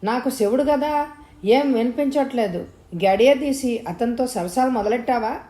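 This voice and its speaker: A woman voicing an angry, suspicious young village man who shouts accusations. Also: mid-range voice, normal speed, lightly acted. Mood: accusing.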